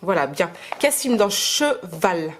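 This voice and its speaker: A woman homeschooling her young children, talking to camera in a halting way and explaining lessons patiently. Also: fairly low pitch, very animated, a little hiss or hum. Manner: patient, gentle teaching, slow explanations; hesitant, halting speech to camera. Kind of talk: casual home-schooling vlog and lesson.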